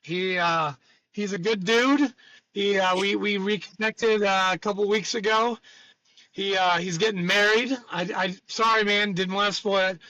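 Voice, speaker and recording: High, bright-voiced joking podcast host. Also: male voice, steady tone, a little slow, no room sound, poor audio. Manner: joking, blunt, rambling. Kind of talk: casual chat.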